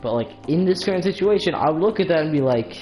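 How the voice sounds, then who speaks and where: A game streamer commenting casually over gameplay. The delivery is blunt and sarcastic, with animated pitch. Faint music runs underneath. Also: fast talker, low-quality recording.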